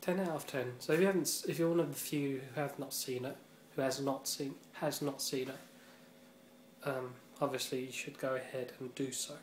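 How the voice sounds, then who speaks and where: A man talks casually to camera, rambling and profane, with a flat, level delivery that rarely rises or falls. His voice bounces around an echoey room, with a faint hum of ambience underneath. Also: medium pitch, moderate pace. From Britain. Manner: rambling and profane, heavy on fillers. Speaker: vlogger. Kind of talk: casual vlog monologue.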